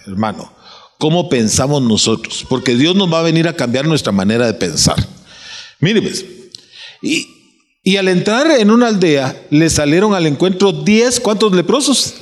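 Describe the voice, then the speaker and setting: Preacher guy, kinda high voice, big pitch swings, lots of questions n restarts, reverby church hall. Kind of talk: sermon.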